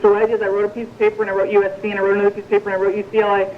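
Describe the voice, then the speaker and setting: A woman's voice: medium pitch, completely flat delivery, very fast, phone-quality sound, slight background noise. Woman sharing her story, wry and loose. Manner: conversational, wry, many "you know"s. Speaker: recovery meeting speaker. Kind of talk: personal testimony talk.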